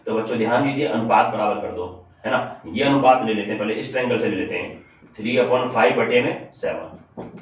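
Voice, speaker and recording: A man's voice: fairly low pitch, fairly quick. A man teaching math to students in a classroom-style lesson. He repeats each step aloud and keeps calling on the students to listen closely. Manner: repetitive, addresses students often, walks through steps aloud. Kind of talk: classroom-style lesson solving board problems. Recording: echoey room from a distance, dull lo-fi sound.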